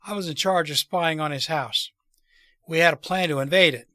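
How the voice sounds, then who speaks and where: A man reading an earnest revolutionary plotter, bright-voiced. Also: on the high side, normal speed, dry recording, clean studio sound. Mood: earnest, explaining. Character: earnest male revolutionary plotter persuading wary allies. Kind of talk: storybook character read aloud.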